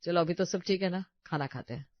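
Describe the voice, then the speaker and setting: A stern, motherly older mother-in-law, put on by a woman in a cartoon story, her voice pushed noticeably lower than the other women. She scolds and soothes by turns, recorded dry and close with slightly muffled sound. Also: brisk, no room sound, natural voice. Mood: soothing. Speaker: voice actor. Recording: dry, slightly dull audio.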